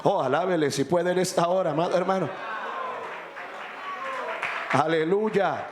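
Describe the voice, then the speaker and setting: A man preaching a sermon as pastor, impassioned and rising to shouts. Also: high voice, a little slow, reverberant, crowd noise, background noise.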